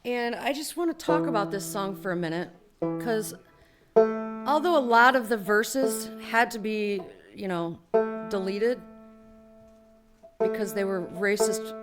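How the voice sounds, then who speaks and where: A woman musician talking casually to a live audience from a stage, chatty and explanatory, with many filler phrases. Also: medium pitch. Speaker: singer and musician hosting a live show. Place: barn music venue before a live audience.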